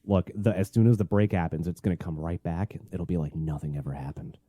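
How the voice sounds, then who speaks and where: A man's voice: deep voice, a little fast, dark tone, no echo. Blunt, foul-mouthed male shock jock, dry sound. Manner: blunt, crude, heavy swearing. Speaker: podcast host. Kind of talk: shock jock radio host monologue, profane ranting.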